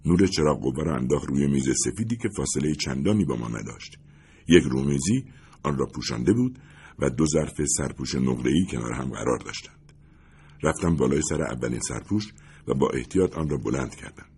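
A man narrating a first-person story in a measured, suspenseful way, husky-voiced. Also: rumbling low, lively intonation, a little mellow. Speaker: audiobook narrator.

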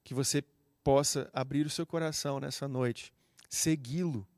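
A man's voice: mid-range voice, fairly even intonation, normal speed, darkish tone, no echo, clean studio sound. A man with a Brazilian accent preaching a sermon, telling a personal testimony in an earnest, heartfelt way. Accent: Brazilian Portuguese.

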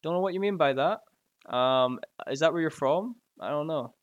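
A man's voice: a little high, moderate pace, no echo, dull audio. Chatty Glaswegian man, dry close mic. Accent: Scottish, Glaswegian. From Scotland. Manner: chatty and joking, laughs often. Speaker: live streamer reading chat. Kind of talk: casual live-stream chat. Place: at home by his computer. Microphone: close mic right in front of the mouth.

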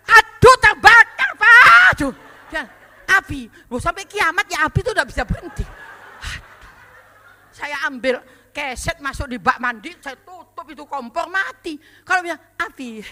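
An older woman pastor preaches in a high, very bright voice. She tells animated stories, full of exclamations and quick laughter. Her tone is sharp and ringing. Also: a little hiss or hum. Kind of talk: storytelling sermon.

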